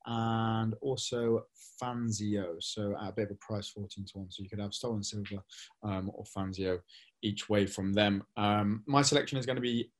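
A young man co-hosting a racing tips podcast, relaxed and thinking aloud with frequent ums. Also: lowish voice, moderate pace. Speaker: racing tipster co-host. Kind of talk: casual podcast chat.

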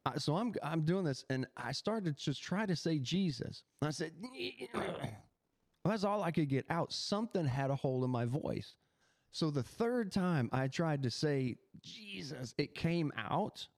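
A man hosting a podcast, telling a personal spiritual experience in an animated, halting way with many restarts. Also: on the high side, no echo, studio quality. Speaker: podcast host.

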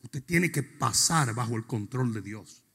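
A male pastor preaching a sermon. He swings from quiet asides to shouted, sing-song preaching. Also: medium pitch, animated, unhurried, slight background noise. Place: church sanctuary. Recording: long reverb of a church hall.

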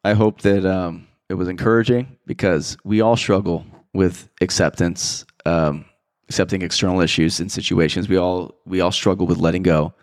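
A man's voice: sits low, steady tone, normal speed, a little mellow, no room sound, studio quality. A man hosting a podcast, talking in a casual, reflective monologue that rambles thoughtfully, with frequent restarts and fillers. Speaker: podcast host.

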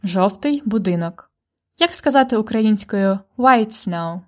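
In a podcast language lesson, a Ukrainian-accented woman pronounces each example word slowly and clearly so learners can imitate her. Her pitch sits at an ordinary middle level for a woman, and her intonation is lively.

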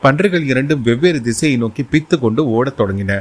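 Male audiobook narrator for a historical novel, steady and dramatic, middle pitch. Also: fairly quick. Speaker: storyteller.

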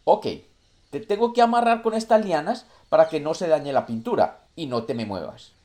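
A man voicing a sly, clever male monkey who talks quickly and eagerly in a storybook tale. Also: fairly high pitch, animated, a little mellow, voice pushed up, natural voice.

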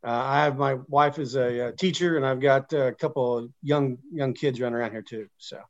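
A man's voice: mid-range voice, fairly even intonation, brisk, highs cut off. A man, a guest chatting casually and rambling a little with many fillers. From Oklahoma. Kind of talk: casual interview chat.

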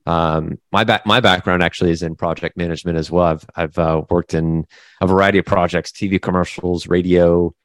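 A man from the American Midwest, talking casually as an interview guest, halting with many fillers and restarts. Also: sits low, fairly even intonation, no echo. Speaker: guest business owner.

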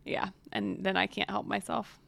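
A young woman co-hosting a podcast, telling stories in lively casual chat. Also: medium pitch, normal speed, vocal fry, no room sound. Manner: animated storyteller, breaks into loud chants. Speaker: podcast co-host.

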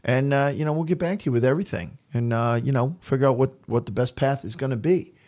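A man's voice: mid-range voice, quick pace, darkish tone, lightly acted. A man quoting a condescending homeowner. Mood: placating. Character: condescending male homeowner, middle-aged.

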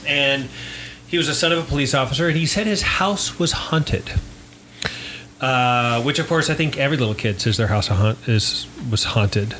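A man's voice: mid-range voice, normal speed, fairly bright tone, slight background noise, low-quality recording. A man hosting a casual group podcast, chatty and joking, often laughing as he explains things. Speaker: podcast host.

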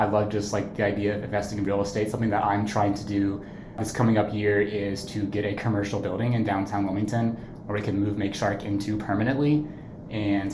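A young man from Ohio hosting a casual podcast chat, easygoing and quick to laugh. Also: on the low side, flat delivery. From Ohio, USA. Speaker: podcast co-host, marketing agency owner. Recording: roomy, faint background noise.

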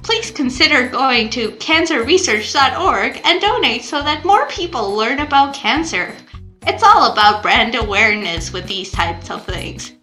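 Deadpan woman in an echoey room. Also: on the high side. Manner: deadpan dark humor. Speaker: podcast player. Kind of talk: mock charity announcement.

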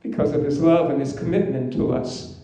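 A man preaching in a slow, measured sermon, leaning on dramatic pauses. His voice is fairly high for a man yet warm and mellow, and it rings out through a very echoey hall. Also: fairly even intonation.

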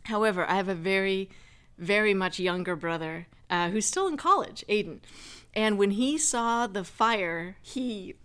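A woman's voice: medium pitch, fairly bright tone. Chatty wry woman telling a story. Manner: chatty, wry, with asides and fillers. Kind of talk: personal anecdote told casually.

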